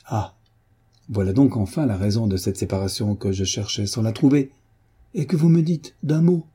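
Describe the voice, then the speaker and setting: A man's voice: fairly low pitch, moderate pace, dark tone, slightly rough. A man reading the part of a young woman schoolteacher, earnest and imploring. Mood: pleading. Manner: imploring, heartfelt.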